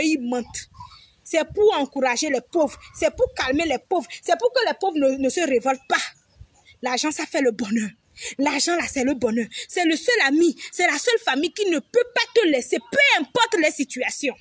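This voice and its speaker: Young woman vlogger, high-pitched, preachy and foul-mouthed, lecturing her audience. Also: fairly bright tone, no echo, studio quality. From Togo. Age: young adult. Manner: emphatic, repetitive, preachy; blunt, swears freely. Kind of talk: direct-to-camera advice monologue.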